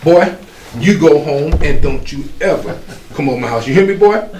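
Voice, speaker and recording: A man's voice: fairly high pitch, expressive, slow, slight background noise, pitched above the performer's own voice. A man putting on a scolding neighbor mother. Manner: harsh, scolding. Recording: echoey room, distant mic.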